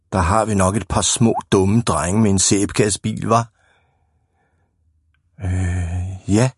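A man reading a children's story aloud. He is a lively reader who slips into voices for the characters. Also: low voice, slightly rough, no echo, studio quality.

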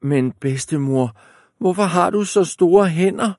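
A trusting little girl from a fairy tale, as a male narrator puts her on, chirping high and eager. Beneath the raised pitch a gravelly edge remains, recorded dry and close. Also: darkish tone, dry recording. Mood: wondering.

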